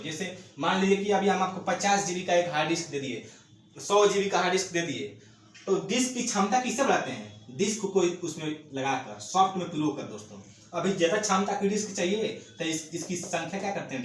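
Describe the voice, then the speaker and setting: Teacher drilling terms in a very echoey room. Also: male voice, high-pitched, animated, fast talker. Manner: repetitive, asks the class questions and answers them himself. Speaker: computer teacher for exam prep. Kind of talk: classroom lecture for exam candidates. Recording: very echoey room with faint ambient noise.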